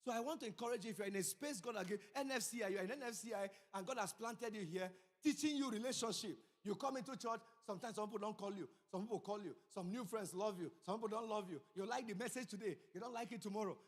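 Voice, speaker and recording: A middle-aged man preaching a sermon as pastor, telling stories and swinging from low asides to loud emphasis. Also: fast talker, few pauses. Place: church sanctuary. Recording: church hall reverb.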